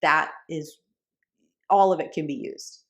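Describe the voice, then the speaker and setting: A woman with a fairly low voice co-hosts a podcast in relaxed conversation. She talks in a chatty, looping way, dropping sarcastic asides and asking whether her point landed. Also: unhurried, vocal fry. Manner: chatty, sarcastic asides, frequent "like" and "do you know what I'm saying". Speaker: podcast co-host. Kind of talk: casual conversational podcast chat.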